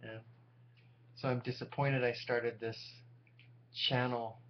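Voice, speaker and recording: A man's voice: mid-range voice, flat delivery, takes it slowly. A tired, sleep-deprived man in his forties talking casually and candidly to viewers in a rambling, self-deprecating monologue. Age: 40s. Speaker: vlogger. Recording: dull lo-fi audio with loud hum.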